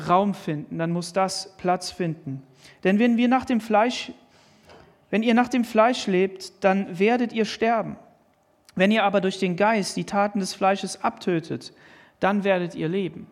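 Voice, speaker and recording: A man preaching a sermon, earnestly reading and explaining Bible verses and asking pointed questions. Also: sits high. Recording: long hall reverb.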